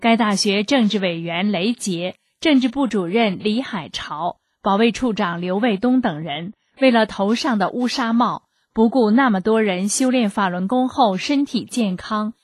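Breathy woman reading a narration. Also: mid-range voice, dry recording. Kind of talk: scripted radio narration.

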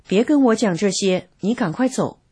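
A woman's voice: mid-range voice, expressive, moderate pace, darkish tone, slightly rough. An older woman reading the lines of a brusque middle-aged woman waiting for a bus, curt and dismissive.

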